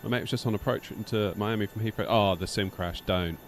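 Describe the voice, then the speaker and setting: A man's voice: on the low side, steady tone, a little fast. A man chatting casually as he livestreams a flight simulator. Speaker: flight sim streamer. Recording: clearly noisy, humming background.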